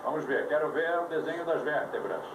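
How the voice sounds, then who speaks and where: Man, yoga teacher, slightly high voice, roomy echoing hall, far from the mic, music behind, old VHS tape. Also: a little fast. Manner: didactic, giving commands with dry jokes. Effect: old VHS tape recording. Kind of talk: live class instruction. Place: yoga class room.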